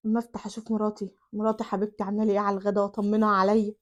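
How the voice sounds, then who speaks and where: A woman voicing a weary husband in an Egyptian accent, grumbling with loud exasperated bursts. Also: mid-range voice, level tone, very fast, muffled recording, close to an everyday voice. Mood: grumbling tired.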